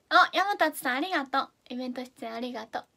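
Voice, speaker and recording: This young woman from Fukuoka, Japan, hosts an idol livestream in a high, creaky voice. She speaks Hakata dialect, chats casually and bubbly while reading viewer comments, and drops to soft asides.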